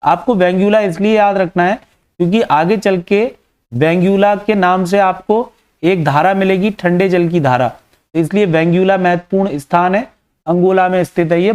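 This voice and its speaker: A man with an Indian Hindi accent teaches an exam-prep map lesson in a fairly high, crisp voice. He keeps asking the class short recall questions and tags his points with "है ना". His tone is clear and smooth throughout. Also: darkish tone. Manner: repeats key facts as quiz questions; frequent "है ना" tag checks. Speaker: geography teacher.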